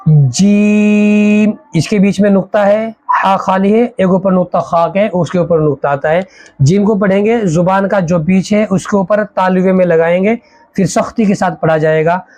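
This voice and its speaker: A man teaching a Quran reading lesson as an Arabic teacher, drawing out each letter slowly and explaining how to say it. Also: sits high, a little mellow, low-quality recording. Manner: slow, drawn-out recitation of letters with explanations.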